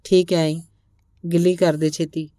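A steady, determined male traveller in a storybook reading, as a woman narrator puts him on. He talks calmly and plainly in a lowish voice. The sound is dry and close. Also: normal speed, no room sound, close to an everyday voice.

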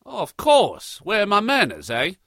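An actor playing a cheeky, boastful adventurer who speaks with an Australian accent and a lot of slang. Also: male voice, high voice, wildly swooping pitch, normal speed, fairly bright tone, no room sound, studio quality, exaggerated voice. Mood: cocky. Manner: brash, joking, full of slang. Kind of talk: audio drama acting.

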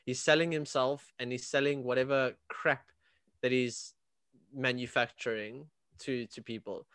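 A man's voice: medium pitch, steady tone, measured pace, a bit bright, clean tone, no room sound, studio quality. A man co-hosting a podcast in casual chat, blunt and swearing, repeating words for emphasis. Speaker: podcast co-host.

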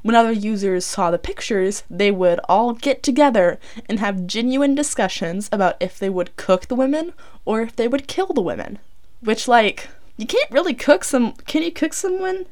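A woman's voice: a little high, expressive, normal speed, a little mellow. A young woman recording inside a closet, telling a true crime story in a rambling, chatty way full of fillers and self-corrections. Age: young adult. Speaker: college student vlogger. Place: small clothes closet, recording indoors.

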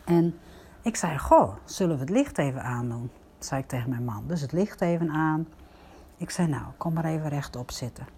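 An older woman, a grandmother, gently telling viewers a personal story in a reflective, casual way. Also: low-pitched, lively intonation, normal speed, slight background noise.

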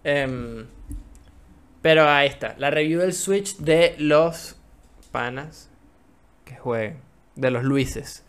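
Casting: young Venezuelan host, slightly high voice, moves the chat along. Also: male voice, slow, pauses often, clean tone. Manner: steering the talk, wrapping up topics. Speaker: podcast host. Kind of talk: casual chat.

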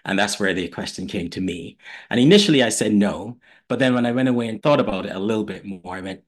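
A man's voice: lowish voice, expressive, fast. A middle-aged man who grew up in Barbados, telling his career story with energy as a podcast guest. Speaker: guest, head of legal operations. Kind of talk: podcast interview.

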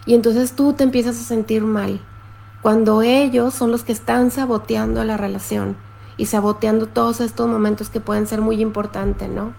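A middle-aged woman, hosting a live stream as a therapist and explaining things calmly while she greets viewers and reads their comments. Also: a little high, normal speed, vocal fry.

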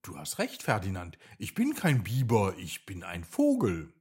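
A man's voice: low voice, wildly swooping pitch, a little slow, a little mellow, breathy edge, heavily acted. A man voicing a small young male bird, shy but determined, in a bedtime storybook reading.

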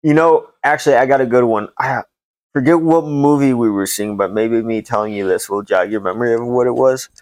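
A young man chatting on a podcast who rambles through his anecdotes and leans on fillers. His voice has an average pitch and a dry, close sound with no room echo. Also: fairly quick, a little mellow. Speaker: podcast co-host. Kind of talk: casual chat.

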